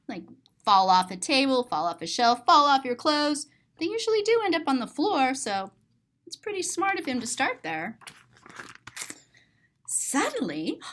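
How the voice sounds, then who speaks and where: Reading a children's picture book, a high-pitched woman narrates expressively and explains what the illustrations show.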